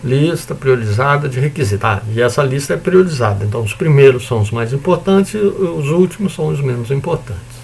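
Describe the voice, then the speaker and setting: A man with a Brazilian accent teaches in a loose, conversational lecture, checking in with his listeners and tossing in mild swearing. His voice has a gravelly edge to it. A faint hiss of noise sits under the recording. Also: medium pitch, expressive, a little fast, few pauses, darkish tone. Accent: Brazilian Portuguese. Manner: casual, chatty explaining with frequent "né?" and "tá?"; mild swearing and joking asides. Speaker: university lecturer.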